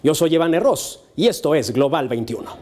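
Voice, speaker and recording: A man's voice: a little high, animated, brisk, loud music behind the voice. A man presenting a current affairs panel show in a formal television style, as its host.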